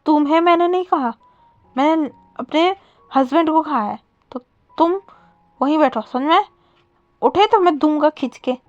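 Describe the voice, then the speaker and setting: A high, whiny young husband, clingy and quick to sulk, pleading in a tearful storybook voice, as a woman narrator puts him on. The sound is dull and dry, with faint music underneath. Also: no room sound, lightly acted. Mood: bossy, petulant.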